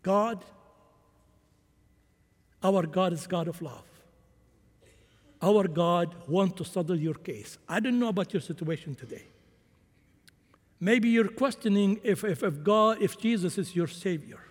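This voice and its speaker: Man from Syria, sermon, high voice, impassioned, long hall reverb. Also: a little slow, long pauses. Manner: impassioned, rising and falling volume. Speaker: preacher.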